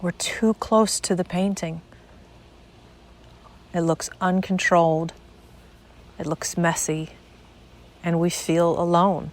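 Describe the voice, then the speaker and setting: This is a measured spiritual monologue: a woman guiding a meditation in a slightly low, level voice. Her delivery is very slow and deliberate, with pauses separating short phrases.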